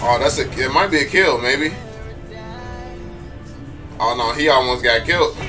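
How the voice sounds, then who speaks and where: A congested-sounding young man, a gaming YouTuber, casually comments on mobile gameplay with plenty of slang, using a headset. His mid-range voice moves a little slowly. He seems distant from the mic, with music and game sounds in the background.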